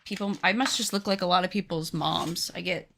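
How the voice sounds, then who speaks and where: Her fairly low, gravelly voice is a bit bright and moves a little fast with mostly even intonation, over a faint hiss or hum. She's a woman in her late twenties crafting while chatting casually with stream viewers, joking with chat and making self-deprecating remarks.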